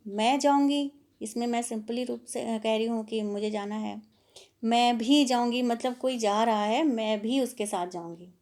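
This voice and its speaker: Woman teaching a Hindi lesson, fairly high voice. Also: darkish tone. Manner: patient and explanatory, with fillers and worked examples. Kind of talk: explaining a textbook lesson.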